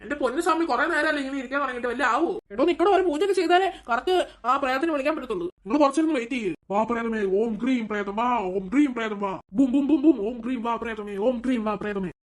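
A woman's voice: high-pitched, very fast, lightly acted. A woman voicing a commanding male swami who chants spells against a ghost. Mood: stern.

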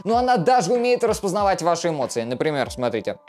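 Animated young man reviewing gadgets. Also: a little high, quick pace, faint music behind. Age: young adult. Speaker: tech reviewer. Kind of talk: casual gadget review to camera. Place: small furnished room indoors. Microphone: clip-on lapel mic.

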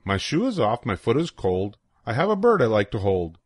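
An older man reading a children's picture book aloud in an expressive, sing-song way with deliberate pauses. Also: lowish voice, husky, dry recording, clean studio sound. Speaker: storybook reader.

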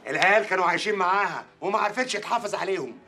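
A man's voice: sits high, very fast, sharp tone, soft background music. An actor playing an accusing, combative divorced husband and father in a sitcom, with an Egyptian Arabic accent. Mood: angry.

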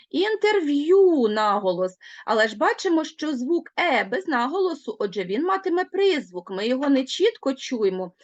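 Lively teacher woman, clear and deliberate. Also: on the high side, no echo, muffled recording. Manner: clear, deliberate teacherly delivery, spelling out words slowly. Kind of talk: online Ukrainian grammar lesson.

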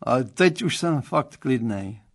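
A man voicing an excitable, jovial middle-aged father with theatrical outbursts, in an audiobook reading. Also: medium pitch. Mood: hearty.

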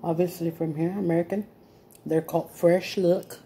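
Slow-talking Mexican woman, mellow voice. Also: lowish voice, steady tone, slight background noise. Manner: switches freely between English and Spanish, crude slang, laughs a lot. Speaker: vlogger. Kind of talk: casual chat to camera.

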